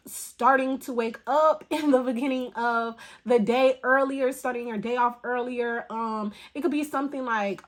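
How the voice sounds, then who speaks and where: A woman's voice: on the high side, a bit bright. A woman tarot reader talking casually in a spiritual vlog, with a voice still recovering from the flu and rambling, filler-filled speech. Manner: rambling, filler-heavy talk.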